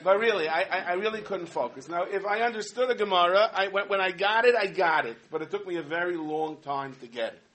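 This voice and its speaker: Animated New man giving a sermon. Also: high voice, brisk, few pauses, a little hiss or hum. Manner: animated storytelling with asides. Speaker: rabbi giving a talk. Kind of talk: humorous sermon.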